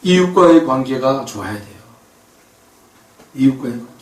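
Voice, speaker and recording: A man's voice: mid-range voice, lively intonation, normal speed. A male pastor preaching a sermon, emphatic, with rhetorical questions and bursts of raised voice. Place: church sanctuary. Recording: echoey church hall from far off.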